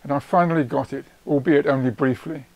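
A man giving scripted nature documentary narration in a measured, descriptive storytelling way. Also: mid-range voice, steady tone, darkish tone, slight background noise, rough recording. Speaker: narrator of own wildlife travel film.

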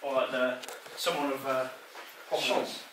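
Young British male urban explorer, casual and sweary, distant in a booming empty building with heavy noise. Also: steady tone, normal speed. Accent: British English. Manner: swears freely, speaks loosely. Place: large dark empty school building, indoors. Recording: echoey empty rooms, far from camera, noisy.

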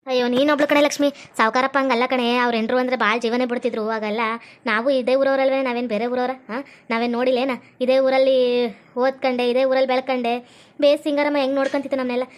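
A woman host, chatting briskly in a comic village skit and signing off to viewers. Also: sits high, steady tone.

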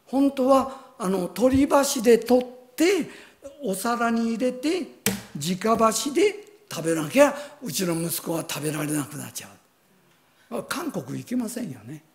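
Lively, gravelly older male preacher. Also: extremely high pitch, unhurried. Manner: animated storytelling with sound words and chuckles. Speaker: pastor. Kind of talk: sermon with personal story.

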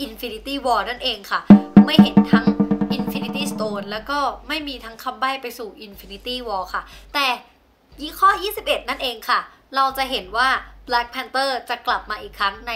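A woman's voice: fairly high pitch, measured pace, over music. A young woman vlogger chatting casually through a numbered movie rundown, with polite particles at the end of her sentences.

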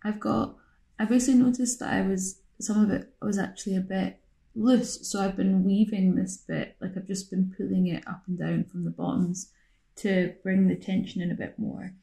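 A young woman talks through a hands-on craft demonstration in a small room, recorded close on a phone. Her voice has a slight gravelly edge and a middle-height pitch. She chats casually, often pausing and rephrasing as she thinks aloud. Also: level tone, dark tone. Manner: chatty, self-correcting, thinking aloud. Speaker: craft tutor.

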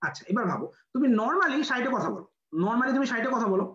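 A physics lecturer with a Bangladeshi Bengali accent teaches a medical admission class, quizzing students with rhetorical questions and repeating key numbers. The mid-range voice is sing-song, fast and fairly bright, heard in a roomy, dull lo-fi classroom recording.

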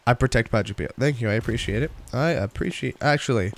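A young man streaming a video game live, chatting casually, reading chat aloud and breaking into excited outbursts while he plays. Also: medium pitch, fairly quick, vocal fry, slight background noise.

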